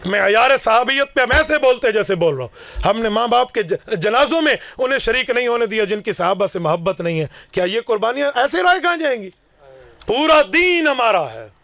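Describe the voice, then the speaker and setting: A man preaching with a high, ringing voice, forceful and declaiming as he acts out quarrels from his own stories. The sound is dry and close, with little room around it. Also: animated, creaky, no echo. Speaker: Islamic preacher. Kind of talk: fiery sermon to a gathering.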